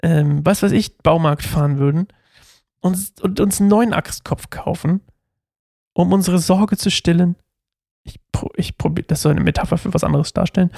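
A man's voice: high voice, steady tone, normal speed, creaky, a little mellow, no echo, clean studio sound. A young man hosting a casual Bible study podcast, chatty and self-mocking, rambling with fillers as he reads and explains.

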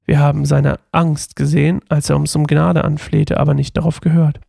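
A man reading pleading brothers, gravelly. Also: fairly high pitch, flat delivery, moderate pace, dark tone, no room sound, studio quality. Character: frightened brothers pleading their honesty.

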